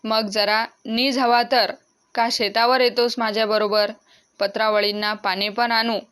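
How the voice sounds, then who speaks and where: Strict father in a storybook reading, voiced by a woman narrator. Firm and scolding, lightly high. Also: flat delivery, measured pace, a bit bright, clean tone. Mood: gentle. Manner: scolding, raising his voice. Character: stern, strict village father scolding his son.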